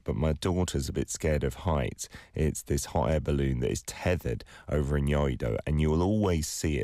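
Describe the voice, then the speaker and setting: This very deep, dark-toned male voice belongs to a radio host whose first language is Korean. He alternates scripted entertainment news with relaxed on-air chatter, his asides loose and sprinkled with fillers, all captured in studio quality with no echo.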